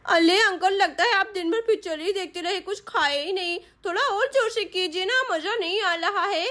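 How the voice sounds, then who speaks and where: A woman's voice: extremely high pitch, moderate pace, pushed and bright. A woman voicing a mischievous young child in a doll story, egging an uncle on. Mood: taunting. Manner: giggly, taunting. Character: mischievous young kid, cheering and taunting. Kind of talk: Hindi doll-story role-play.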